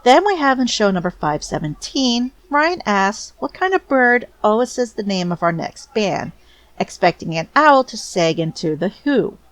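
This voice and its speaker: A woman's voice: medium pitch, big pitch swings, moderate pace, dry recording. A woman narrating a scripted fan commentary with an enthusiastic, close-miked delivery.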